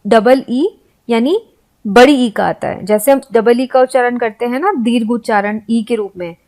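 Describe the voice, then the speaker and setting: A woman teaching English pronunciation, spelling out letters and example words slowly and deliberately. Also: fairly high pitch, a little mellow. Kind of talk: spoken-English lesson.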